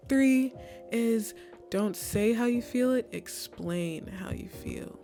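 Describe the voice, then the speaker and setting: A woman's voice: a little high, slow pace, mellow, faint music behind. A young woman casually giving college essay advice, chatty and full of "like"s and restarts. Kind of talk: casual advice talk to camera.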